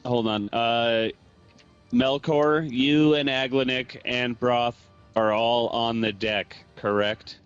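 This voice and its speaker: A man running a tabletop game as dungeon master, unhurried and halting with fillers as he narrates. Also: mid-range voice, steady tone, clear, resonant tone, soft background music. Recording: muffled lo-fi mic.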